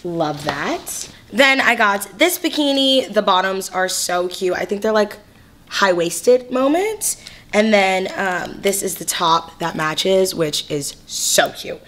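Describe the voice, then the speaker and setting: A woman's voice: mid-range voice, animated, slow, a bit bright, a little hiss or hum. A young woman in her twenties from California, chatting in a bubbly, slangy way through a clothing haul vlog. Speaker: fashion vlogger.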